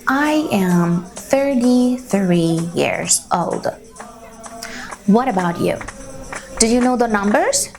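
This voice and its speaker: Slow, lively teacher woman with fry. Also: mid-range voice, soft background music. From Canada. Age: 30s. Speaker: English teacher. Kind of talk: slow beginner English lesson. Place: small room indoors.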